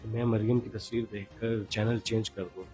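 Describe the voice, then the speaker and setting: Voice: medium pitch, little pitch movement, a little mellow, faint music behind. An interviewer asking probing, challenging questions in a political interview.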